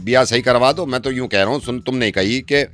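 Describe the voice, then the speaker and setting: A man playing a rustic villager on a prank call, rambling on excitedly about his wife. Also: mid-range voice, fast talker. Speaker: prank caller.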